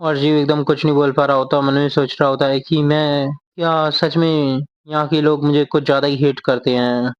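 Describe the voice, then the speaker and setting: A man retelling a manga story, quoting the characters' lines in his own steady voice without acting them out. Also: a little high, smooth, dry recording, dull audio. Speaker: manga explainer.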